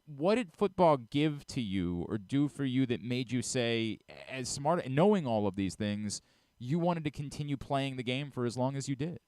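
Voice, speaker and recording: Host: man, crisp studio voice, dry close mic, earnest questions. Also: mid-range voice, expressive, moderate pace, a little mellow, no room sound. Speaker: radio host. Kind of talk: sports radio interview. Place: radio studio.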